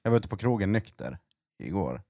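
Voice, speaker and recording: A lower-voiced man co-hosting a loose podcast chat. He tells stories with energy, mimicking the people in them and laughing along. The sound is dry and close, with no room around it. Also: no room sound. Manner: animated storyteller, mimics others, laughs often. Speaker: podcast co-host. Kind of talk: casual chat.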